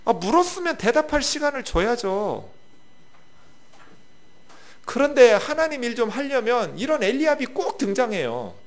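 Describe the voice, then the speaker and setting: A male pastor preaching a sermon, asking the congregation questions and swinging from loud bursts to quiet asides. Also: very high voice, sing-song, normal speed, pauses often.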